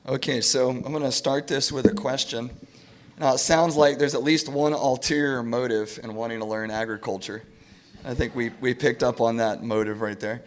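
A man with a scratchy voice moderating a panel discussion in a relaxed, conversational way. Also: mid-range voice, moderate pace. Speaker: panel moderator, farm manager.

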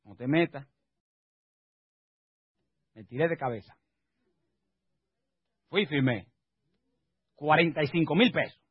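A male pastor preaching a sermon, swinging from quiet asides to emphatic exhortation and firing rhetorical questions at the congregation. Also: on the high side, a little slow, pauses often, husky, dry recording, narrow, tinny audio.

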